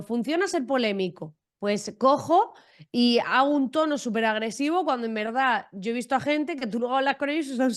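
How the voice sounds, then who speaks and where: A guest entrepreneur from Almería, Spain, speaks in a podcast interview with a fairly high voice. She's frank and direct, with a humorous edge.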